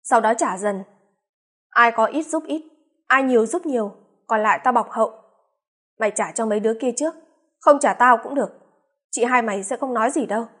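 Woman narrator voicing wise older eldest brother, slow and measured, husky tone. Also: very high voice, a bit bright, exaggerated voice. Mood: firm.

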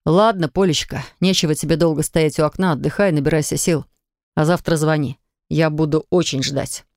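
A woman's voice: low voice, steady tone, normal speed, no echo, studio quality. A woman voicing a tender, soothing young father. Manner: soft, soothing, affectionate. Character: tender man in his thirties, devoted new father.

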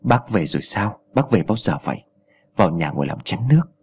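A man's voice: deep voice, big pitch swings, fairly quick, darkish tone, breathy edge, pitched below the performer's own voice, heavily acted. A man doing a weary, complaining neighbor.

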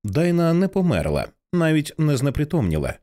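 A man narrating an audiobook in an expressive, dramatic reading style. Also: fairly high pitch, moderate pace. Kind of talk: scripted narration.

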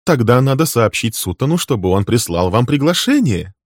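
A man voicing a volatile young female secretary who shouts in a high, shrill voice. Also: very animated, normal speed, no echo, studio quality. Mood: sharp.

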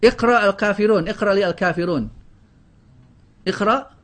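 The grammar teacher's voice is high and a bit bright, with lively intonation at a normal speed. He drills the class on word lists and questions the students, often stopping partway through a word to begin it again.

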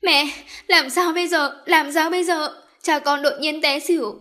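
A woman's voice: sits high, steady tone, normal speed, pushed and bright, pitched above the performer's own voice. A woman voicing a tearful, frightened young woman who pleads through her sobs in a storybook reading. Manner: crying, pleading.

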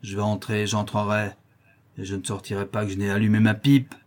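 A man's voice: lowish voice, monotone, a little fast, darkish tone, close to an everyday voice. A man voicing a drunken, lame, brutish male neighbor who bellows threats in a slurred voice. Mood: menacing.

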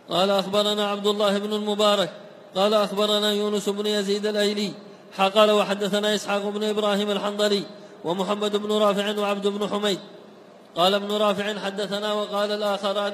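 A man reading classical text aloud in a steady, chanting recitation for a class. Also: sits high, fast talker, slight background noise. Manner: even, chanting recitation of chains of narrators. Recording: long hall reverb.

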